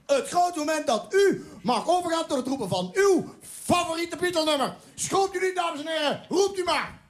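A man's voice: extremely high pitch, animated, normal speed. A man hosting as a comic radio announcer in a cabaret style, rambling and giggling at his own jokes. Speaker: comic host. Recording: music playing underneath.

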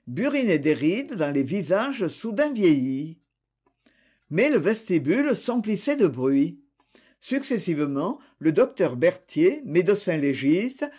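Expressive male audiobook narrator. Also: on the high side. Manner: expressive reading. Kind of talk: scripted narration.

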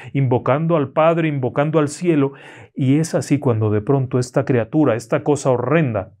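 A man narrating a horror story, slow and hushed in calm parts and rising sharply in pitch at frightening moments.

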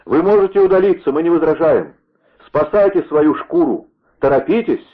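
A man playing a sneering, shouting guard captain. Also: a little high, sing-song, fast talker, voice pushed up. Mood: taunting. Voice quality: raised, shouting. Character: arrogant male guard captain, impatient and sneering. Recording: tinny phone-like radio sound.

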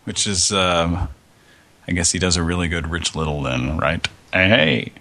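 A man hosting a casual radio show, hoarse with a scratchy throat, rambling and meandering as he talks. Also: sits low, measured pace, sharp tone. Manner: rambling, meandering, chuckling often.

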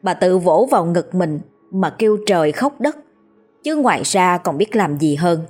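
A woman narrating a ghost story in a deliberate, suspenseful tone. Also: fairly low pitch, animated, a little mellow, soft background music. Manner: slow, deliberate, suspenseful telling.

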